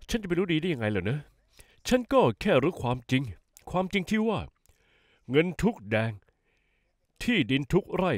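An actor playing a smug, scheming in-law who taunts and mocks in a dubbed soap opera. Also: male voice, fairly high pitch, big pitch swings, moderate pace, long pauses, dry recording, studio quality. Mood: taunting. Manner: mocking, taunting.

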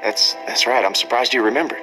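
A man's voice: mid-range voice, fast talker, lightly acted, rough recording. A man playing an easygoing, weary survivor in his late twenties in a video game, mild, folksy and a little hesitant. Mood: wry, friendly. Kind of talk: naturalistic video game acting. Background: background music.

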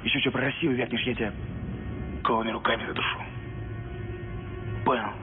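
An actor playing a tough, threatening young soldier who talks in brash, confrontational street slang. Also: male voice, mid-range voice, fairly even intonation, a little fast, close to an everyday voice. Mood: menacing. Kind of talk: film acting. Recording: phone-like film audio with music.

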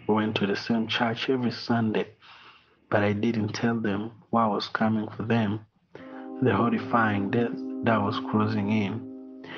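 A middle-aged Rwandan man reading a personal apology in a slow, solemn, measured way, heard over muffled video call audio. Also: fairly low pitch, flat delivery, music in the background. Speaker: interview guest.

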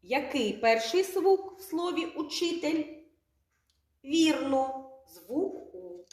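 A woman teaching young children their first letter sounds, stretching words out slowly and asking the class questions. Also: sits high, very animated, darkish tone. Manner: slow, drawn-out sounds, asks children questions. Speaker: kindergarten teacher. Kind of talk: literacy lesson for young children. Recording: echoey room, from far off.

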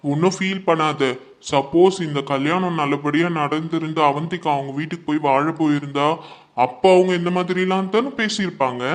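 Reassuring young friend, a man doing it, soft and steady, somewhat high voice. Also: lightly acted. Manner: reassuring, gentle. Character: young man calmly comforting his friend.

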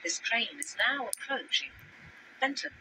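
A woman's voice as an automated onboard train announcer, her words spliced together from separate recordings into measured, clipped phrases. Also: a little high, very animated, background noise.

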